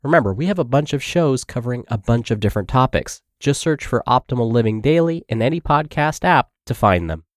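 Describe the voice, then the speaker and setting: Congested man narrating with a lively lilt. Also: mid-range voice, a little fast, few pauses, no echo, studio quality. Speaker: podcast host and narrator. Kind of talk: reading a health blog aloud.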